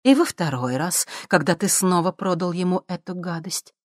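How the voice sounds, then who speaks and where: Brief: cold, measured rich matriarch, as a woman reader plays her, low voice, dry close sound. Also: no echo, natural voice. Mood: cold menace. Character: cold, ruthless wealthy mother, calm and menacing.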